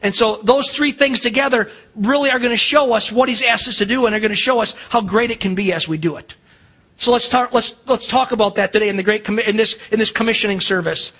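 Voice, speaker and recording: A middle-aged American pastor preaches a sermon in a high, fairly bright voice, talking fast. He is emphatic, asks rhetorical questions and acts out dialogue.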